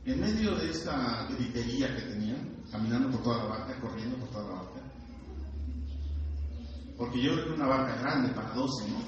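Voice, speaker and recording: A man's voice: mid-range voice, moderate pace, slight background noise. A man preaching a sermon, firing rhetorical questions at the congregation and acting out screams. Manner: animated, acts out screams. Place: church hall. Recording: very echoey, distant, dull hall recording.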